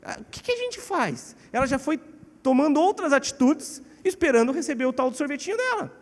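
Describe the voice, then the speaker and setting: A man with a Brazilian Portuguese accent preaching a sermon in a church, animated and acting out quotes. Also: fairly quick. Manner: animated, acts out quotes with shifting pitch. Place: church hall. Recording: church hall with long reverb.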